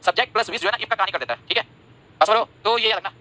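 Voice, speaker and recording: Guy teaching english grammar online, super fast, high bright voice, keeps repeating himself and asking if u get it. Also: low-quality recording. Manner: repeats phrases, asks "samajh rahe ho" often; drops to a low, soft voice when apologizing. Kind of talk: live-streamed class, reading chat comments.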